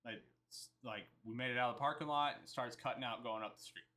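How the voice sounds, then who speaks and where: A man with a bright, forceful voice tells a story in a loose, rambling way. He talks casually and keeps quoting what he and others said along the way. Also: medium pitch, fast. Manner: rambling, chatty, quotes himself and others. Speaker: vlogger.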